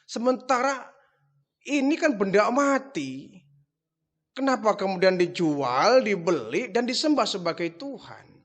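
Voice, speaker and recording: Man voicing young male prophet, high raised voice, loud street calls, meek replies. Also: big pitch swings, unhurried, exaggerated voice. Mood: meek, complaining. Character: young dutiful male prophet, secretly mocking idols.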